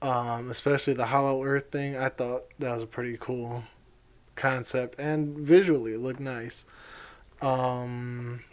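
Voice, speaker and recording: A man's voice: mid-range voice, level tone, measured pace. A man co-hosting a podcast in casual chat, laughing often and protesting playfully. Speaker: podcast co-host.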